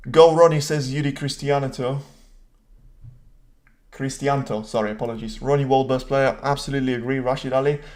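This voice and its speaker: A man's voice: medium pitch, steady tone, normal speed, a little mellow. Chatty man hosting a live stream. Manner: chatty, reads viewer comments aloud and answers them; self-deprecating, rambling asides. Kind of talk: casual live commentary and chat reading.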